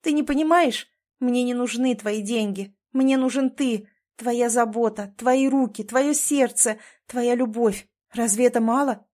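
Speaking unhurriedly with hardly any pauses, a woman reads an audiobook in a natural, darkish voice on the high side. She portrays a strong-willed woman arguing insistently and emphatically, pleading with a steely edge.

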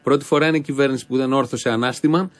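A male host delivers sarcastic commentary in a dry, mocking tone. His voice sits at a middle pitch. He speaks steadily. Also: steady tone. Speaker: satirical show host.

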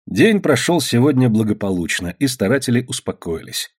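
A man narrating a novel aloud in an expressive storytelling manner. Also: fairly low pitch, brisk, slightly rough. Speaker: audiobook narrator. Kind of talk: scripted narration.

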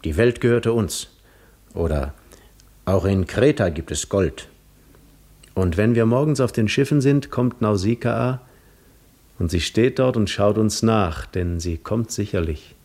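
A man with a lowish voice, speaking a little slowly, plays the yearning, restless seafarer of a 1950s German radio play monologue, caught up in reverie. His dramatic, lyrical delivery rises and falls between hushed and fervent, and the mood is musing.

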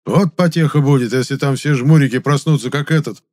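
A man's voice: medium pitch, a little fast, darkish tone, voice pushed up, natural voice. A man voicing a sarcastic male investigator who barks his words. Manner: sarcastic, barking.

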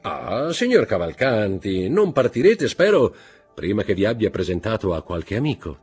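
A man's voice: on the low side, big pitch swings, moderate pace, a little mellow, husky, faint music behind, voice pushed up, full character voice. A man voicing a suave, worldly count, polished and courteous.

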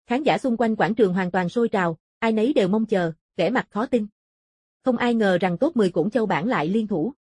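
A woman narrates a martial-arts fantasy novel in a dark, mellow tone. Her voice is husky and soft at the edges, and the sound is very dry, with no room around it. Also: mid-range voice, fairly quick, no room sound. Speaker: audiobook narrator.

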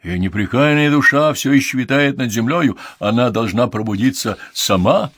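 A man's voice: mid-range voice, lively intonation, normal speed, a bit bright, no room sound. A man voicing a stern Victorian lord who gives commands. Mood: commanding.

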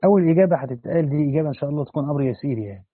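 A man's voice: fairly high pitch, lively intonation, rapid-fire, breathy edge, dry recording. A man gives a religious lesson, reading a Quran commentary aloud and adding plain spoken asides for his students. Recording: dry, thin phone-like line.

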